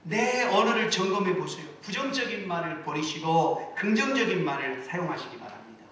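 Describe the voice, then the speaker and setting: Korean pastor type, man, slightly high voice, earnest preaching, picked up from afar in a very echoey sanctuary. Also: lively intonation, brisk, bright, forceful tone, slight background noise. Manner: earnest preaching, rising to emphatic exhortations. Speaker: senior pastor. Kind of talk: sermon. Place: church sanctuary. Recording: echoey church hall, mic at a distance.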